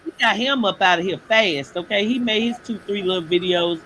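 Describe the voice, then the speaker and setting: A woman's voice: medium pitch, fairly quick, background noise. A woman hosting a live chat show, sassy and teasing as she talks to her guests. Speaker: host. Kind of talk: casual chat.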